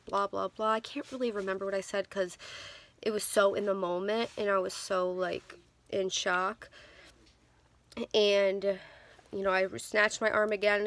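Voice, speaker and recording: A woman's voice: mid-range voice, a bit bright. A woman in her twenties vlogging to a phone camera, telling her stories candidly with lots of ums and restarts. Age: 20s. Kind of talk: casual storytelling to camera. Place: in a car.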